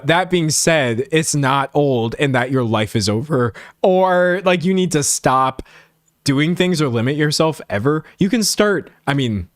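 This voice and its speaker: Rambling to his livestream audience, a late-twenties man is animated and self-deprecating, voicing imagined comments as he goes. He has a mid-range voice, and the recording is dry with clean studio sound.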